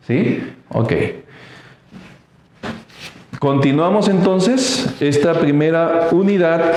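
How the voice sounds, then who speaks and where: A man with a somewhat high voice gives a slow, halting lesson. He fills gaps with "eh" and keeps checking that listeners follow. His voice rings out in a very echoey room. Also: a little mellow. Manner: halting, many fillers, checks in with "¿sí?". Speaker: teacher. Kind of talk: slow recorded lecture.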